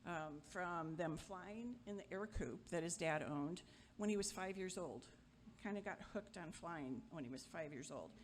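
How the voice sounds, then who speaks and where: A middle-aged woman giving an informal memorial eulogy, chatty and wry, joking with the crowd and sometimes halting. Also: lowish voice, slight background noise. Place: gathering hall at a memorial.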